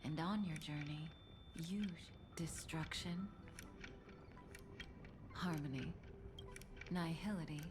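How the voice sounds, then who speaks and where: A woman playing a calm, enigmatic outlaw in a video game, solemn and quietly caring, with a measured, hushed, breathy delivery. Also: low-pitched, background noise. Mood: solemn, gentle.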